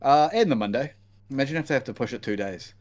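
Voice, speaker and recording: A man's voice: mid-range voice, animated, fast, darkish tone. A man with a broad New Zealand accent chatting casually as a podcast co-host previewing fights, laid-back and slangy.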